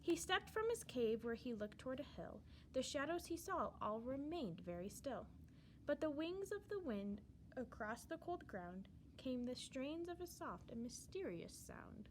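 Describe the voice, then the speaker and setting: A woman reads a rhyming children's story aloud in a high, unhurried voice, her very lively intonation rising and falling with dramatic emphasis on the verse. The low-quality recording carries slight background noise.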